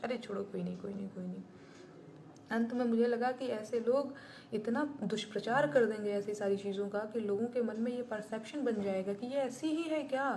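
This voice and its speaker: A woman's voice: mid-range voice, mellow, a little hiss or hum. A woman who is a singer and songwriter, chatting live with her viewers and answering their comments in an emphatic, indignant way, repeating her points for stress.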